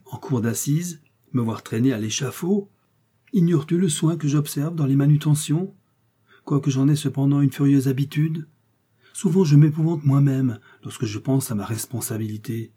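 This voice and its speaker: A man's voice: a little high, warm tone, breathy edge, voice pushed up. A man reading aloud and voicing a pompous, fussy village apothecary in an indignant rant. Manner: indignant ranting tirade, exclamatory.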